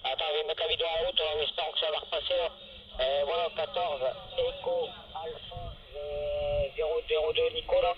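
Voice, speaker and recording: A man's voice: a little high, very animated, normal speed, soft background music. A man chatting casually over walkie-talkie radio as an amateur operator, using call signs and jargon. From northern France. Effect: heard over walkie-talkie radio. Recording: muffled, noisy two-way radio transmission.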